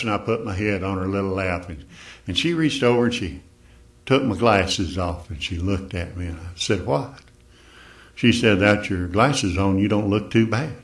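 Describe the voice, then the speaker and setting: A man with an East Tennessee accent telling a mountain comedy story in a folksy, deadpan way. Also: fairly low pitch.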